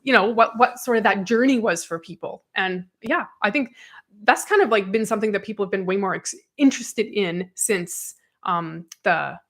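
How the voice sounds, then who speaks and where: A woman in her thirties co-hosting a podcast, chatting casually and reading viewer comments aloud, animated and quick to laugh. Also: mid-range voice. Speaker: podcast co-host.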